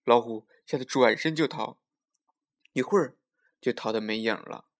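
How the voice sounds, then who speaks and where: Guy reading a kids bedtime story, normal pitch, gentle and expressive. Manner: gentle, expressive, slow at times. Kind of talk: children's bedtime story narration.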